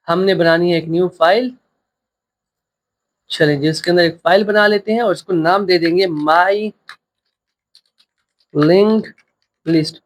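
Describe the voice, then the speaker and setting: A man teaching programming in a screen-share coding tutorial, patiently repeating points and checking that listeners follow. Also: sits high.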